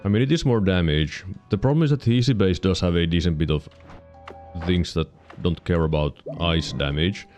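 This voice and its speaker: A man giving casual let's-play commentary, musing to himself with sudden excited yelps. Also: deep voice, soft background music. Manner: musing, self-talking, quick excited yelps. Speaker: gaming channel host.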